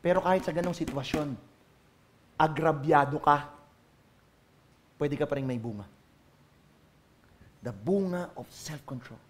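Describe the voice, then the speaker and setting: A man with a Filipino accent, a pastor preaching a sermon to a church congregation, swinging from hushed asides to loud, emphatic calls. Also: a little high, a little slow, pauses often. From Philippines.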